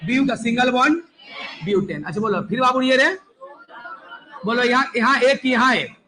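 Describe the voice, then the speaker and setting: A man's voice: extremely high pitch, moderate pace, a faint crowd, a little hiss or hum, low-quality recording. A young man teaching a chemistry class, coaxing and urging his students to listen and write along. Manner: animated, coaxing students, repeated calls to listen. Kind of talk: classroom lecture.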